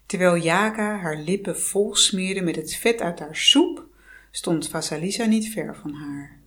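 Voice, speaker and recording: A woman reading a fairy tale aloud as a storyteller, in an expressive way. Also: lowish voice, unhurried.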